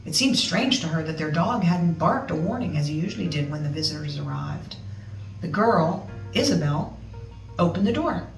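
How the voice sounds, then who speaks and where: With a low, creaky voice, a woman reads a children's storybook aloud, expressive at a moderate pace and chatting with her listeners between lines. Music sits behind her, and the mic is distant in a roomy space.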